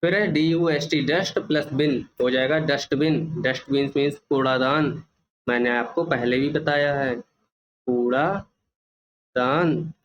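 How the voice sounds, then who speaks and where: A man teaching a children's English workbook, slowly repeating words and their meanings. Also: mid-range voice, steady tone, lo-fi sound. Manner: slow, repeats each word and meaning for children.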